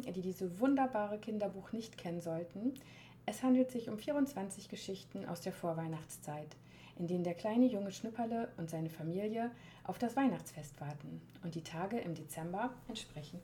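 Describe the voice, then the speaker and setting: A woman introducing and reading a children's Christmas story aloud, lively, with voices for the characters. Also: mid-range voice, a little hiss or hum.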